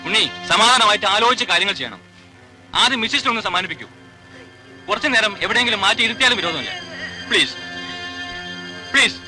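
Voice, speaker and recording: A brisk commanding official. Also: male voice, high-pitched, lively intonation, sharp tone, soft background music, full character voice, poor audio. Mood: reassuring. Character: brisk official taking charge of a rescue. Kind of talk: Malayalam film acting.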